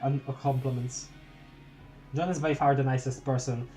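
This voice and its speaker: A man's voice: mid-range voice, steady tone, normal speed, mellow, faint music behind. A young man streaming a live read of a webcomic, rambling and stammering as he chats with his viewers. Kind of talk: live-reading a webcomic aloud.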